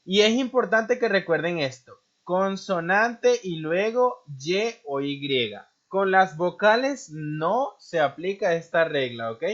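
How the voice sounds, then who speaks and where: Male teacher, patient lesson voice, slightly high pitch, muffled lo-fi sound. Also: expressive, a bit bright. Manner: slow and patient, checks understanding with frequent tag questions. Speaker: English teacher. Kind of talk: recorded classroom lesson. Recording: muffled lo-fi recording.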